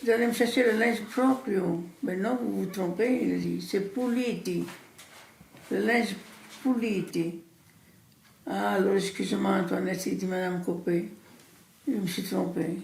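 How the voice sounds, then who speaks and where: A woman in her eighties from Italy, speaking French with an Italian accent as her second language. She tells her story in halting, simple sentences and often repeats words. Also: mid-range voice, fairly even intonation, gravelly, darkish tone, slight background noise. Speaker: interviewee recounting her immigration. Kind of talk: personal storytelling. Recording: echoey room.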